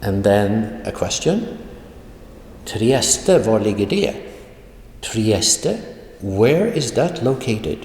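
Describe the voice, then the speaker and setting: A man gives an unhurried online language lesson, his low voice rising and falling a lot as he spells out each phrase. The recording carries a roomy echo with a long reverb tail. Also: very animated, a little mellow, a little hiss or hum. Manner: slow, deliberate teaching, repeating words for learners. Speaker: Swedish language teacher. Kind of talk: recorded online lecture, reading dialogues and translating. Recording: echoey room with long reverb.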